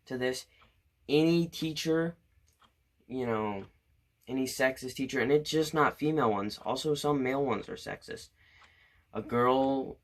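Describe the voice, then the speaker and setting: A young man in his late teens rants to camera about his grievances, sarcastic and indignant. His pitch sits in the middle. He stumbles over restarts and leans on fillers as he builds his case. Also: gravelly. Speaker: student vlogger. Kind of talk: opinion rant to camera.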